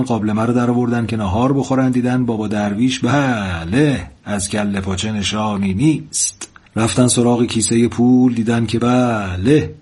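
A man narrating a folk tale with lively, expressive storytelling. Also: medium pitch, husky.

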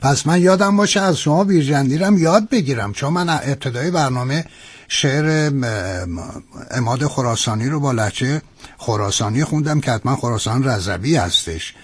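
A man's voice: medium pitch, slightly rough, dry recording. A man hosting a radio talk show, courteous and curious with his guest. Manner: courteous, curious, quick to react. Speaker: radio host. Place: radio studio.

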